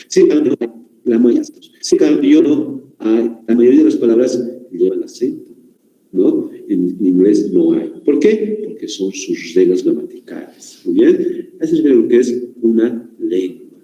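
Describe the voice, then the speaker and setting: A man's voice: medium pitch, expressive, a little slow, dark tone, highs cut off. A man lecturing a class as a teacher, constantly asking questions and checking in with his students. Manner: questioning, checks in with listeners often. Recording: echoey room.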